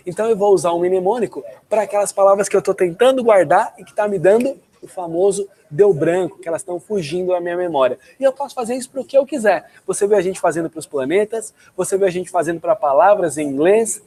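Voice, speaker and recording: High-voiced man in his forties, teaching English online, slows for the examples. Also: dark tone. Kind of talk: online language lesson.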